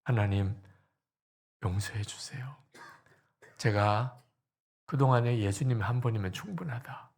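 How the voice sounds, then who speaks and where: A preacher acting out an anguished pastor in prayer. The voice is husky and breathy and slips into whispers, and it pleads at an ordinary middle pitch. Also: male voice, a little slow, pauses often, darkish tone. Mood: repentant.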